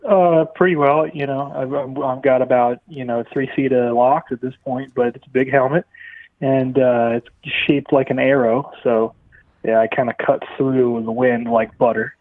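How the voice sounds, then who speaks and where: A man calling in on speakerphone, his voice muffled and quiet as he talks in a deadpan, rambling way with many fillers. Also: mid-range voice, normal speed, no room sound. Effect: caller heard over a phone line on speakerphone. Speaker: caller. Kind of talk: casual call-in chat. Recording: tinny muffled phone line.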